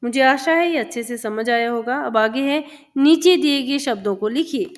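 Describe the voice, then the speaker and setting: A woman's voice: sits high, moderate pace. A woman teacher explaining a children's textbook lesson, patiently repeating words and sounds for young pupils.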